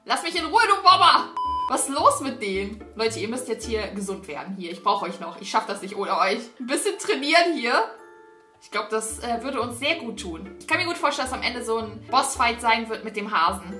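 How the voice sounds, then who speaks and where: A woman hosting a gaming video, giving excitable commentary and shrieking and laughing when she is scared. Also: fairly high pitch, brisk. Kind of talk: game commentary. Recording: roomy sound with faint game music.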